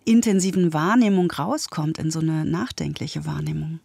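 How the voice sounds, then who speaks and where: A woman's voice: sits low, normal speed, vocal fry, a little mellow, dry recording. A woman interviewing an author and asking curious, friendly questions.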